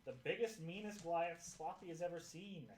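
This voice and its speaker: A man's voice: on the high side, fairly even intonation, fairly quick. A man casually reading out recap notes for a tabletop game, rambling and chuckling as he goes. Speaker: player reading session notes. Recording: echoey room with background noise.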